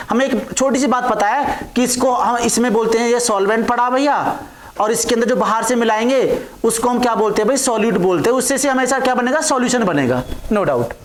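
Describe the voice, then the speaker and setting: A man gives a chemistry lecture. He keeps asking the class questions and repeats each new term several times. The sound is echoey, as if recorded in a bare teaching room. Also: very high-pitched.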